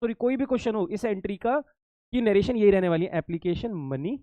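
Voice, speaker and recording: A man's voice: high-pitched, fairly quick, dark tone, no room sound. A male accountancy teacher giving an exam-prep lesson to students, repeating key points, checking that they follow and calling them kids.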